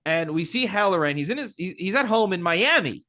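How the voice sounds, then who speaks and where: A man's voice: sits high, animated, fairly quick, pushed and bright. A man co-hosting a podcast, wryly pointing out film details in casual chat. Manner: wry, nitpicky, points out film details and laughs. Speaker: podcast co-host.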